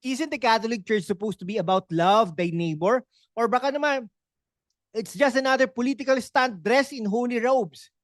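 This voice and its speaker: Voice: mid-range voice, normal speed, no room sound, clean studio sound. A host with a Filipino accent giving political commentary on a vlog, sarcastic and full of rhetorical questions and tag questions. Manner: conversational, with frequent tag questions.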